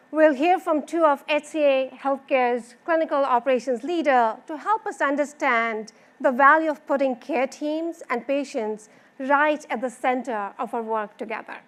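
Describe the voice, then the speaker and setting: A woman giving a polished, scripted presentation and introducing the next speakers. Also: high voice.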